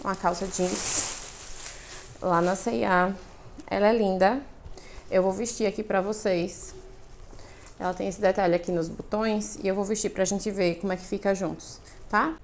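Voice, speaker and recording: This casual try-on haul vlog comes from a young woman in her apartment living room by the balcony window, speaking to viewers through a clip-on lapel mic with plenty of cute diminutives. Her medium-pitched voice has fairly even intonation, unhurried with long pauses, over slight background noise.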